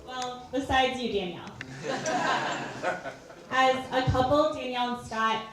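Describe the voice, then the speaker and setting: A young woman giving a prepared wedding toast as maid of honor, telling stories deliberately with pauses for comic effect. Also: on the high side. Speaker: maid of honor, sister of the bride. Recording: very echoey room, far from mic, faint noise.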